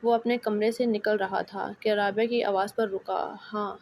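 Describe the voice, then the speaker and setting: Woman reading a novel in a flat voice. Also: mid-range voice, slight background noise. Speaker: narrator. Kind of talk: scripted narration of a romance novel.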